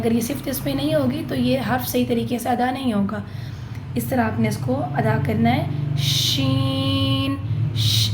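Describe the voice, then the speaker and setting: Woman tajweed teacher, patient, stretching each letter out slowly, pitched a little high, in an echoey room. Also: a little mellow, a little hiss or hum. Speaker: Quran recitation teacher. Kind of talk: tajweed lesson.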